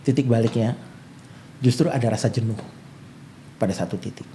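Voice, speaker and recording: A man's voice: medium pitch, normal speed, a little hiss or hum. A male pastor, telling his own life story in an interview and acting out the voices of people he quotes. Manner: animated storyteller who acts out quoted voices.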